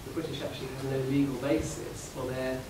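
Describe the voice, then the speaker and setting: A man at an academic round-table discussion in a seminar room talks in a brisk, monotone, mid-range voice, stumbling through many fillers and restarts. The audio is echoey, recorded from a distant mic with background noise.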